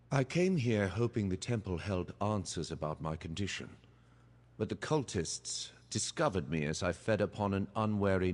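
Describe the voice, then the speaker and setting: A suave, self-controlled male vampire speaks in a low, formal register. His measured delivery carries cool disdain. The voice belongs to a video game character. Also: big-room sound. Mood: persuasive.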